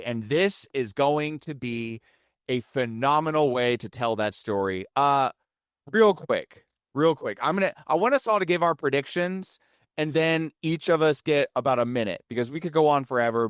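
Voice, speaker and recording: A male podcast host with a smooth, clean voice, recorded dry and close with no room sound. His talk is playful and animated, and his pitch swings widely, the way an announcer hypes a big match. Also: normal speed, no room sound. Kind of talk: casual wrestling podcast chat.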